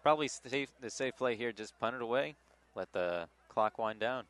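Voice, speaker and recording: A man giving measured, analytical color commentary at a high school football game. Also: fairly bright tone, clear, resonant tone. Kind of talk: sports color commentary and promo reads.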